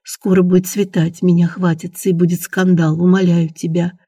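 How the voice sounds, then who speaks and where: An anxious young noblewoman in a storybook, soft and pleading, as a man reads her lines. The voice sits a little high for a man and hardly rises or falls. It is mellow and dry. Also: flat delivery, normal speed, husky, dry recording.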